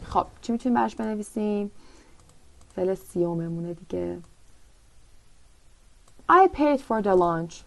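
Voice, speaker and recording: A woman runs an English lesson. Her voice has a gravelly edge at a middling pitch. She says the English example sentences slowly and deliberately, and she explains them in quick, casual with small hesitations. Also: lively intonation. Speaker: English teacher.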